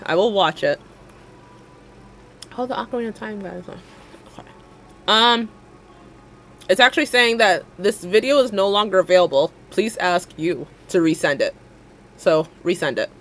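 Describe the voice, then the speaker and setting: A woman's voice: mid-range voice, normal speed, pauses often, fairly bright tone. A young adult woman chatting casually with her live viewers, rambling with lots of fillers and frequent laughs. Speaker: livestreamer.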